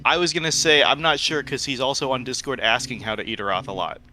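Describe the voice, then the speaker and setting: A man's voice: mid-range voice, quick pace, bright, forceful tone, soft background music. A man co-hosting a casual stream chat, teasing the others and laughing easily.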